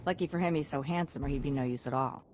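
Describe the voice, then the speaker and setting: A woman's voice: extremely low pitch, fast talker, a crowd in the background. An actress playing a dry, businesslike woman in a video game. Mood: wry, businesslike. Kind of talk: video game character dialogue.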